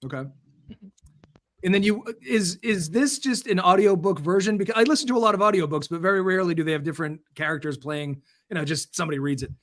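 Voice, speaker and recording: A man's voice: high-pitched, fast talker, a bit bright. A man co-hosting a podcast, asking questions in a joking, playful way. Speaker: podcast co-host. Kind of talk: casual interview chat.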